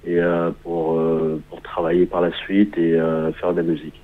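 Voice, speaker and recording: A man in his thirties who grew up in Kenya and speaks English natively, answering interview questions on radio in a relaxed, hesitant way. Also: low-pitched, narrow, tinny audio. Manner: relaxed, hesitant with many pauses. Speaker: guest musician.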